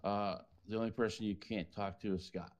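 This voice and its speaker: A man playing a judge in a courtroom role-play game, speaking calmly and patiently to keep order. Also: fairly low pitch, a little fast, muffled recording. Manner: calm, patient, repeats "hold on" to keep order.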